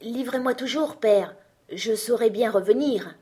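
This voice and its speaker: A woman's voice: fairly high pitch, measured pace, husky. A woman voicing a tiny, clever peasant boy with an eager, cheeky way of talking, in a storybook reading. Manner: bright, eager, mocking.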